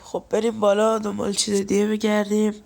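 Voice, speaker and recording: Man, stuffy nasal voice with some fry, casual let's-play YouTuber chatting to his viewers. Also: high-pitched, completely flat delivery, darkish tone. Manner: chatty, talks to viewers and scolds game characters. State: nasal from a cold. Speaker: gaming YouTuber.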